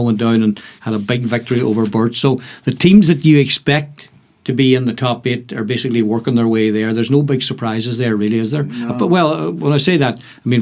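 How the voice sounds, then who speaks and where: A man with a Donegal accent hosts a casual sports discussion. His voice sits at a middling pitch as he runs through results and fixtures in a conversational way. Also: a little mellow. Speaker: sports podcast host.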